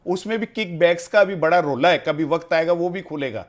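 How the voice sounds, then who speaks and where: A man giving heated political commentary as an analyst, speaking in an impassioned, rhetorical way and piling up questions. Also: fairly high pitch.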